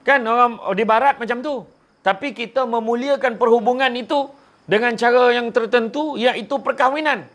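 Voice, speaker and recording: A man's voice: extremely high pitch, normal speed, fairly bright tone. A man with a Malaysian Malay accent giving a humorous religious talk to a family gathering, teasing the people around him as he speaks. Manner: joking and teasing the audience.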